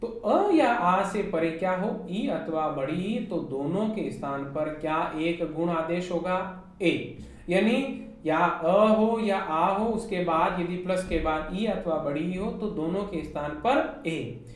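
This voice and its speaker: With a lowish voice and a slow delivery, a woman teacher who has a Hindi accent runs an online class. She breaks the material down step by step and asks her students rhetorical questions. The room sounds very echoey, with faint noise in the background.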